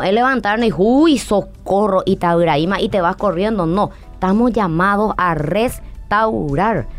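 A woman psychologist as a guest on a church-interview. She speaks earnestly and preaches, and she keeps calling the listener her brother. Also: medium pitch. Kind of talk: interview on faith and parenting.

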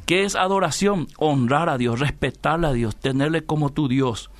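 A man's voice: fairly high pitch, moderate pace, no echo. A man teaching about the Bible in a conversation, posing rhetorical questions and answering them himself, often tagging lines with a questioning "right?". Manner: often tags phrases with "¿verdad?" and addresses the interviewer by name. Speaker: preacher guest on a religious talk program.

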